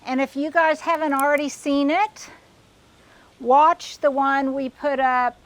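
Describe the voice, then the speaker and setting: A slightly high-voiced older woman walks viewers around her backyard garden. She talks casually and digresses, restarting phrases often, and sounds a little out of breath. She is recorded outdoors. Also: steady tone, a little slow. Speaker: garden vlogger.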